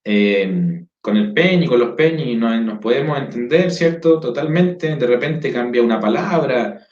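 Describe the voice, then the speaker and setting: A man's voice: mid-range voice, expressive, a little slow, darkish tone. A man hosts a casual online interview, often adding tag questions and restarting his sentences. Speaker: host. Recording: echoey, dull lo-fi sound.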